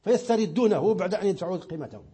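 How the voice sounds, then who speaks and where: A man's voice: high voice, lively intonation, racing, dark tone, husky. A Moroccan man giving a religious lesson on Islamic law, explaining patiently and repeating words as he searches for them. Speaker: sheikh teaching Islamic law.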